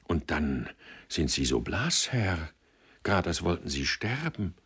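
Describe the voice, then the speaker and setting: A man's voice: sits low, big pitch swings, takes it slowly, fairly bright tone, husky, full character voice. A man voicing a plain-spoken young cart driver who talks matter-of-factly.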